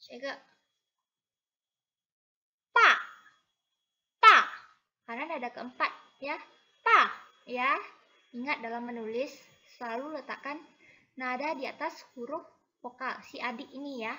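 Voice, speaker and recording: A woman's voice: sits high, rough recording. A woman teacher giving a recorded lesson to first graders. She is patient, keeps checking in with the kids, draws out the syllables she models, and switches between Indonesian and Mandarin. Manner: patient, repeats "ya" and "anak-anak" constantly; drawn-out, loud modeling of syllables. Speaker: primary school teacher.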